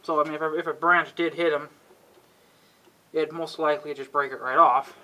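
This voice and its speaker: Speaking at normal speed in a steady, sharp, slightly high voice, a man walks viewers through an antenna assembly. His style is folksy and rambling, half muttered to himself, with mild exasperated swearing and repeated throat clearing. Noise and clicks are clearly audible in the homemade recording.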